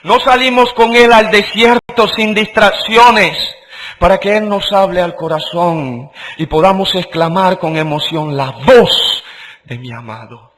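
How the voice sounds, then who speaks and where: A male preacher delivers a sermon in an emphatic, deliberate way, repeating phrases for weight. His voice sits high and sounds bright and forceful. He speaks slowly, rising to loud exclamations and dropping to hushed, low passages. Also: steady tone, poor audio.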